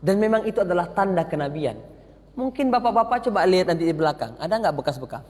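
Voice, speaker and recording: Male preacher, storytelling sermon, very lively pitch, echoey mosque hall. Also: fast. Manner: animated, theatrical storytelling with shifting voices. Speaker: ustadz, preacher.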